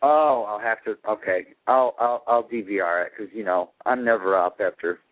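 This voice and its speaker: A man's voice: fairly low pitch, normal speed, no echo. A chatty, effusive man from Florida, calling in to a radio talk show over the phone. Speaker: caller. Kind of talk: radio call-in chat. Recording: tinny phone line.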